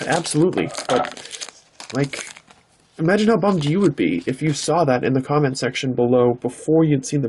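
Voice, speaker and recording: A man hosting his channel, chatting casually off camera while opening trading card packs and breaking into excited exclamations. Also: a little high, a little hiss or hum. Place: indoors, filming from behind the camera.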